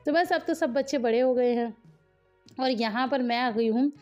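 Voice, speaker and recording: A woman's voice: fairly high pitch, normal speed, a little mellow, muffled recording, faint music behind. A woman vlogger in a chatty voice-over, talking straight to her viewers and quizzing them as she narrates family wedding footage.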